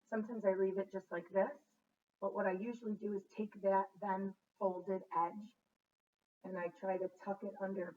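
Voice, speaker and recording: A middle-aged woman who hosts a knitting podcast, chatting casually and rambling as she shows her things, often correcting herself mid-word. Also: mid-range voice. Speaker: knitting podcast host and teacher. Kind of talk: casual show-and-tell chat. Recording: distant, dull sound with faint background noise.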